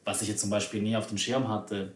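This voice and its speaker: A man's voice: lowish voice, little pitch movement, a little fast, echoey room. A man from Spain in casual conversation, chatty and hesitant, with many fillers. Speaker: conversation partner. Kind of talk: casual chat.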